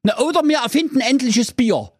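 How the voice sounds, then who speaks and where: A man's voice: very high voice, expressive, a little fast, no room sound, studio quality, voice pushed up. A man voicing a foolish, cheerful young man in a comedic storybook, talking in a goofy, chirpy voice. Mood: naive cheerful.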